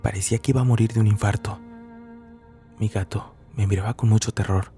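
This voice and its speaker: A man reading a first-person horror story as scripted narration, measured and somber. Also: lowish voice, steady tone, dark tone, faint music behind.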